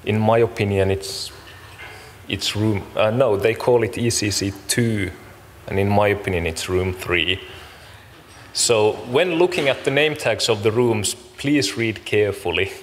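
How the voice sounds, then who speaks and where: Opening a summit he organised and hosts, a man with a fairly low voice talks a little slowly to an audience in a large conference room. His practical announcements are informal, and he comes across as casual, apologetic, and a bit hesitant. Background noise is clearly audible in the echoey hall.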